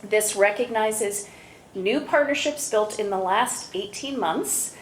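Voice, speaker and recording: A woman presenting an award at a gala, enthusiastic and brisk, briefly going off script. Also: mid-range voice. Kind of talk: presentation speech. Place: large event hall. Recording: echoey hall, faint room noise.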